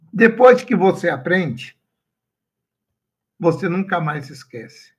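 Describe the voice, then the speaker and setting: Pastor preaching to a livestream. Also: male voice, a little high, rough recording. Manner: preaching with questions to the listeners. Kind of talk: sermon on a livestream.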